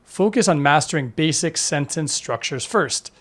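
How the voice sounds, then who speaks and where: A man giving a scripted lesson as a language teacher, with an even, instructive delivery. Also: fairly high pitch, normal speed. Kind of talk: scripted educational narration.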